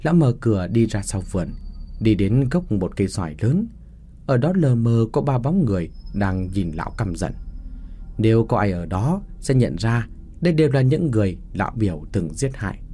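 A man narrating a horror story with expressive storytelling delivery. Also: on the low side, normal speed, slight background noise.

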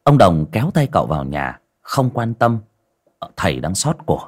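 A male storyteller narrates a horror tale. His voice sits low, and his pitch rises and falls in a lively, dramatic way. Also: moderate pace. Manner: dramatic, expressive.

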